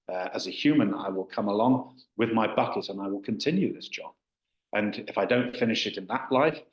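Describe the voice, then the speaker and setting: A man telling of a defiant man shouting a vow. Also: on the low side, reverberant, dull audio, natural voice. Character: defiant ordinary man vowing to empty the sea.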